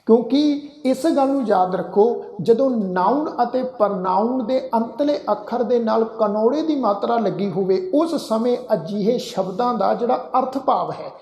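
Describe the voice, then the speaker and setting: In an echoey hall, a man with an extremely high, animated, slightly mellow voice teaches the correct pronunciation of scripture. Earnest in manner, he addresses his listeners as a congregation and recites verses slowly.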